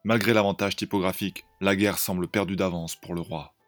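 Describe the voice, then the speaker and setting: Male host and storyteller: low-pitched, lively improvised narration over faint music. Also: a little fast.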